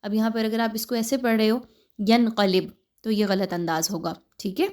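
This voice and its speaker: A woman's voice: on the high side, a little mellow. A woman teaching tajweed, explaining pronunciation patiently and step by step. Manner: patient, explains pronunciation step by step, then recites slowly and drawn out. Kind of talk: tajweed lesson with slow recitation examples.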